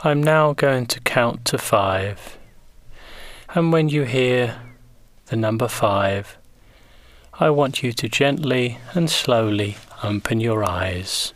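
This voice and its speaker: A man guides a progressive muscle relaxation, giving slow, gentle, soothing instructions. His medium-pitched voice is expressive, and there's no echo.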